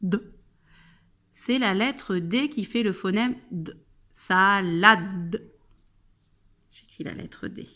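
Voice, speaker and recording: A woman's voice: medium pitch, animated, unhurried. A woman teaching children to spell, patiently sounding out each syllable and reassuring them.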